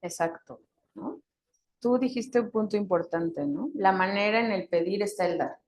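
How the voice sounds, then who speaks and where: A woman's voice: medium pitch, moderate pace, a little mellow, a little hiss or hum. A woman giving an interactive talk to a group. She asks them questions and acts out different tones of voice as examples. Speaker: workshop speaker. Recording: echoey room.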